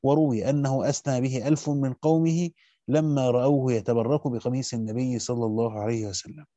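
A man reads a classical scripture commentary to his students at a brisk steady clip, slowing now and then to stress a word. His tone is mellow and dark, and the recording is dry and close. The sound is slightly dull, lo-fi. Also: medium pitch, no echo. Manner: rapid steady recitation, slows to stress key words. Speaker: teacher reading a Quran commentary aloud. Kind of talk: fast scholarly reading of a classical text with brief comments.

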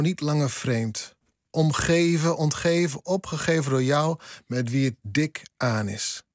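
A man whose first language is Frisian, a poet reading his own poem slowly and then talking about it in a radio studio interview. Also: on the high side, no echo. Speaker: poet, guest.

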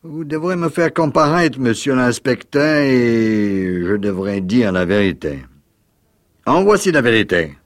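A man's voice: mid-range voice, expressive, unhurried, no echo, pitched above the performer's own voice. A man doing a smug, oily male servant. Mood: smug, insistent. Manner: raised, insistent delivery.

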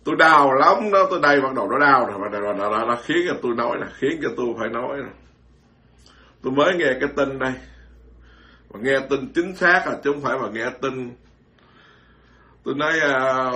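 Blunt, bright-voiced monk. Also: male voice, mid-range voice, animated, a little fast, pauses often. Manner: blunt, scolding, mocking, stammering repetitions. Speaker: Buddhist monk lecturer. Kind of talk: informal dharma talk.

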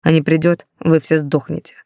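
A woman's voice: low-pitched, flat delivery, normal speed, creaky, dark tone, no echo, studio quality. A woman reading an audiobook, voicing a cruel mafia boss in a cold, menacing tone. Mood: cold menace.

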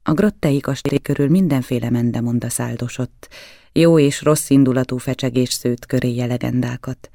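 A man reading a novel aloud in the first person, with a measured, grave literary delivery. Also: medium pitch, vocal fry, dark tone, no room sound, studio quality. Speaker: audiobook narrator.

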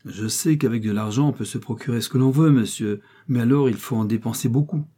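A worried old housekeeper frets over every order she is given, as a man voices her in a reading. Her tone is anxious, carried on a dark, mellow voice in storybook style. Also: medium pitch, fairly quick, husky, lightly acted. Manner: fretful and worried. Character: anxious elderly female housekeeper.

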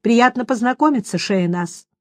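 A woman reading aloud voices a young female poet with a soft, melodic manner. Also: fairly high pitch, animated, normal speed, no echo, studio quality, lightly acted. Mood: polite.

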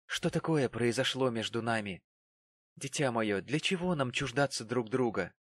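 A man's voice: medium pitch, lively intonation, normal speed, dry recording, close to an everyday voice. A man reading the part of a pompous, self-pitying middle-aged father with a sanctimonious manner in a storybook reading. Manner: sanctimonious, turning to angry shouting.

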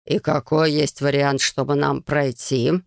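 A woman voicing a fatherly middle-aged husband who speaks slowly and reassuringly. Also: medium pitch, flat delivery, gravelly, smooth, dry recording, studio quality.

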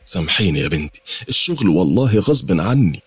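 A man voicing a worried, caring mother in a horror story, raising his pitch, with an Egyptian accent. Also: sing-song, fast talker, slightly rough, no echo, exaggerated voice. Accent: Egyptian Arabic. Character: worried caring mother, middle-aged woman.

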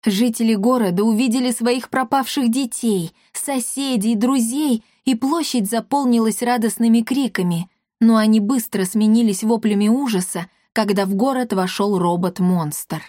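A woman narrating a children's audiobook in a measured storytelling manner. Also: fairly high pitch, dark tone, dry recording, studio quality. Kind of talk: scripted narration.

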